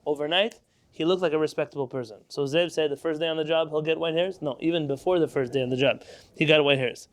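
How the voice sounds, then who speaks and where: A man's voice: fairly high pitch, fairly bright tone. A man teaching a Talmud class, explaining step by step and asking and answering his own questions.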